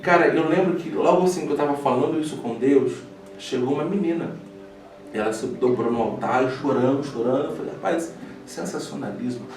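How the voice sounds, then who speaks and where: A man's voice: medium pitch, a little fast, a little mellow. A young man, a preacher, telling a personal story in a casual chat, emotional and laughing at himself. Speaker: preacher guest. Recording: echoey room from far off, faint music.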